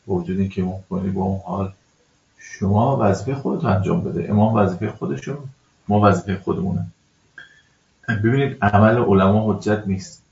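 A man, a cleric answering religious questions, who talks in an exasperated, scolding and animated way. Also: lowish voice, gravelly, long pauses. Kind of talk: religious Q&A talk. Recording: echoey, dull lo-fi recording.

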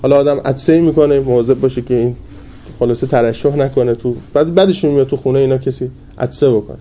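A man preaching a sermon in a colloquial storytelling manner. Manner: colloquial storytelling with lively pitch swings.

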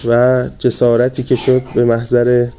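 Mellow-voiced man preaching a sermon. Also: a little hiss or hum. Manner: colloquial storytelling with lively pitch swings.

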